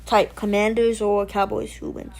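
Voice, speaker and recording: A woman streaming casually to her chat, joking and rambling with loose restarts. Her pitch sits in a middle range, and she calls out to viewers by name. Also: little pitch movement, normal speed, vocal fry, darkish tone, poor audio. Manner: playful, jokey, talks to chat by name. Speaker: livestream host.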